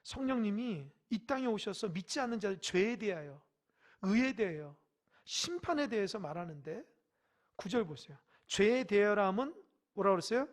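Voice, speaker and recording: A pastor preaching a midweek sermon in a church, emphatic and questioning the congregation directly, swinging from loud exhortation to hushed asides. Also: medium pitch, animated, normal speed. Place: church sanctuary.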